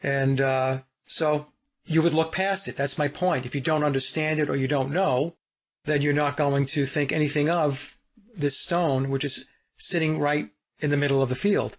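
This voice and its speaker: A man from the United States hosting a podcast, speaking deliberately, guiding the talk and addressing his listeners directly. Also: on the high side, steady tone. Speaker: podcast host. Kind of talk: casual podcast interview. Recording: dull lo-fi audio.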